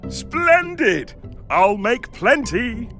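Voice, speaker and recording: Pompous blind mole, slow wildly swooping voice, faint music. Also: male voice, very high voice, very animated, fairly bright tone, heavily acted. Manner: pompous, drawn-out, gleeful. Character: blind male mole, pompous and eager host.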